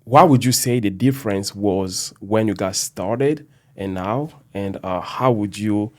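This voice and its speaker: A man's voice: on the low side, unhurried, a little mellow. A man from DR Congo, a real estate agent, hosting a casual podcast chat with many fillers.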